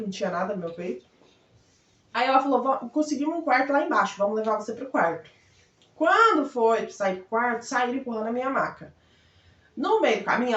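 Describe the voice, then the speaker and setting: Young woman chatting, high voice, acts out everyone she quotes, sounds a bit far off and dull. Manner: lively, acts out quoted voices, laughs often. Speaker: vlogger. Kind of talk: casual storytelling. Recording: echoey room heard from a distance, dull sound.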